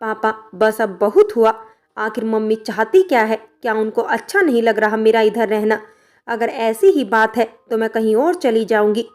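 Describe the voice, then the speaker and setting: A woman voicing a headstrong young wife who shouts and argues defiantly. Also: on the high side, normal speed, close to an everyday voice. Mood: furious.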